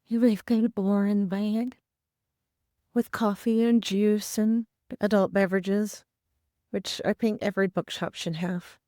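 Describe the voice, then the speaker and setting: A woman's voice: medium pitch, steady tone, measured pace, mellow, no echo, studio quality. A woman hosting a casual travel vlog, chatty and upbeat, talking straight to her viewers, with some scripted voice-over. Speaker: vlog host.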